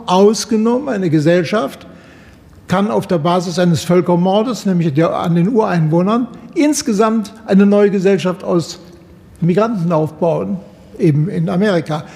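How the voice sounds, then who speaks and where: A man talks in long, winding, academic sentences on a radio panel. His voice sits high and sounds soft and mellow. A long reverb hangs on every phrase. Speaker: panel guest.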